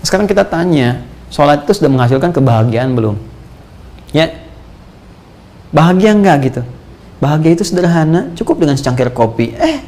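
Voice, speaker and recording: An Indonesian man preaching a Quran exegesis lecture, lively and full of rhetorical questions and playful asides. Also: a little high, brisk, long pauses. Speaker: Islamic preacher.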